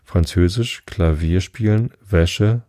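A mournful mock turtle sighs through his school memories in a low, dark rumble, voiced by a man reading aloud. He drags each word as if close to tears. The voice is dry and close. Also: dry recording. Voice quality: slow, mournful and tearful. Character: sad sighing male mock turtle creature.

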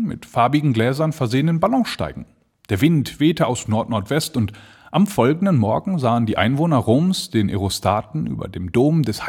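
A man voicing an excitable male balloonist, speaking in high, ecstatic exclamations. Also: slightly rough.

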